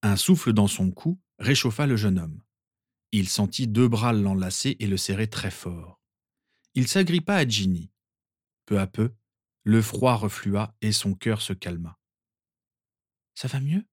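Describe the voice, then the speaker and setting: A man reading fan fiction aloud in a calm, expressive narration. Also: fairly low pitch, measured pace, no room sound, studio quality. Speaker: reader.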